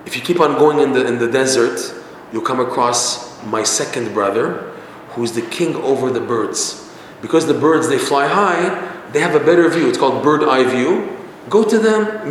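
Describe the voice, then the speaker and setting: A man's voice: mid-range voice, normal speed, far from the mic, lightly acted. A man voicing a boastful king of the wild animals, blunt and dismissive, in an echoey hall with faint noise.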